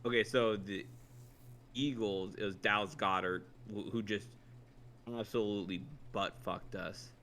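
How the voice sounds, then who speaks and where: A man's voice: on the low side, steady tone, unhurried, fairly bright tone, a little hiss or hum. An American man co-hosting a podcast, talking sports in a casual, colloquial way and hedging as he goes.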